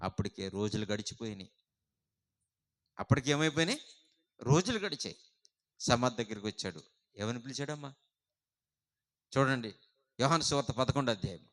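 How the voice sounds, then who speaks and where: A male preacher with a bright, forceful voice delivers a dramatic sermon. He asks his listeners questions and moves between hushed, low lines and sudden loud calling. His voice sits at an ordinary middle pitch for a man. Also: animated, a little fast, pauses often.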